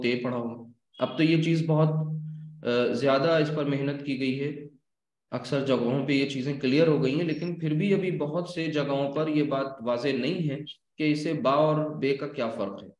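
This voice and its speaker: A man's voice: medium pitch, a little mellow. Man teaching in an echoey room. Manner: explains slowly with questions to students. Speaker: Arabic teacher. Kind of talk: classroom lecture.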